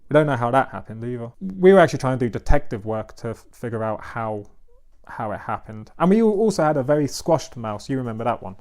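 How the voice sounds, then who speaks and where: A man's voice: mid-range voice, big pitch swings, quick pace, a little mellow. Rambling man, casual chat. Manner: rambling, filler-heavy, swears freely. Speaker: podcast host.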